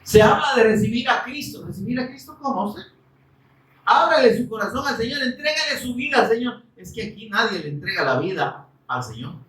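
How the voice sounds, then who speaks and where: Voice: medium pitch, lively intonation, a little fast, distant mic. Emphatic preacher in a roomy hall. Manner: emphatic, rhetorical questions, bursts of shouting. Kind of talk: Spanish-language sermon. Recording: roomy, from off-mic.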